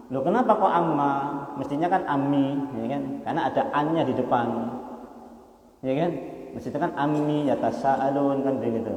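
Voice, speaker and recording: A man teaching a Quran study lesson in a mosque, explaining patiently, often asking his listeners rhetorical questions and chanting verses slowly. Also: medium pitch, darkish tone. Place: mosque hall. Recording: echoey hall reverb.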